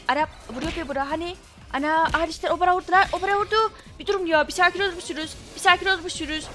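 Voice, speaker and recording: Woman gamer, high voice, rattles off excited commentary, laughs a lot. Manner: exclaims and laughs often, repeats phrases. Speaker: gaming channel host.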